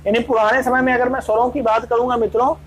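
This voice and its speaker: A woman teaches an exam-prep grammar lesson in a fairly high voice. She keeps calling her students friends, asks them rhetorical questions and then answers them herself. A faint hum sits under the recording. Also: flat delivery, quick pace, poor audio.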